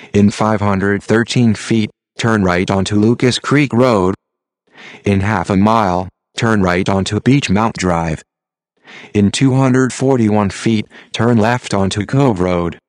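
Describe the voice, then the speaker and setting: A man's synthetic text-to-speech voice giving turn-by-turn driving directions in a flat, measured, impersonal way. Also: lowish voice, dry recording. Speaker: GPS navigation voice.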